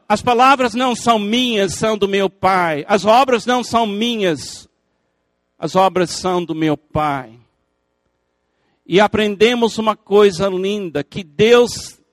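Preaching in earnest, an older male pastor who is a native English speaker uses emphatic repetition and tosses playful asides to the congregation. His voice is high, with no room sound.

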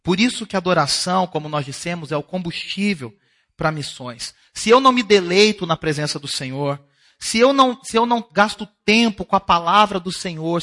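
A man's voice: high voice, pushed and bright. A male pastor preaching a sermon at a church service, talking to the congregation in a conversational way and asking them questions.

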